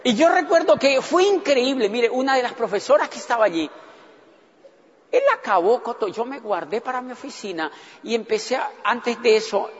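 A man, telling his own story to an audience in an animated way and acting out his past thoughts. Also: very high-pitched, moderate pace. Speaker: motivational speaker. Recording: dull, echoey hall recording.

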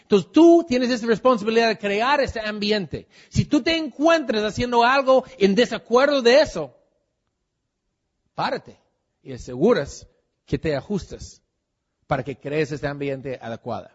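High-voiced man giving a motivational talk. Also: animated, unhurried. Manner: keeps asking the audience questions; drops English fillers into the talk. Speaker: motivational speaker at a business meeting. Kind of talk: motivational talk to a live audience. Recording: dull lo-fi recording.

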